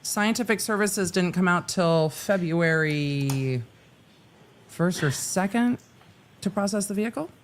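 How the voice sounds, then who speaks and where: A man's voice: high voice, unhurried, a little hiss or hum. A man giving casual live commentary on a trial, with informal explanatory asides. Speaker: livestream commentator.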